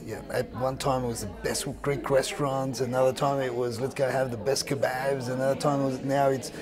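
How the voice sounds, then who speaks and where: A man speaking haltingly with many uhs in a street interview. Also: mid-range voice, little pitch movement. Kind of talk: vox pop interview. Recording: street crowd noise behind.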